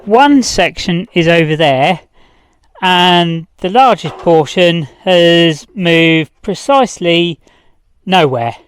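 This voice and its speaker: A man's voice: fairly high pitch, lively intonation, slow, clean tone, no room sound. A man up on scaffolding outdoors, out of breath and commenting casually on renovation work with dry, self-deprecating humour. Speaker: vlogger working on a house renovation. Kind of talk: casual chat and on-the-spot commentary.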